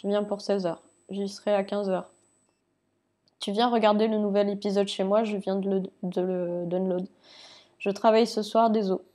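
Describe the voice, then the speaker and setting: A woman hosting a let's play, reading game messages aloud in a low-key voice with small slips and restarts. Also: warm tone. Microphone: lapel mic.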